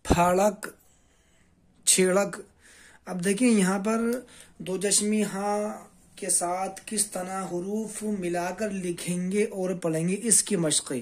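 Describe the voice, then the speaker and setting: A man's voice: high-pitched, steady tone. A man teaching a beginner reading lesson, sounding out words one by one. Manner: slow, drawn-out word-by-word reading drills. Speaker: Urdu teacher.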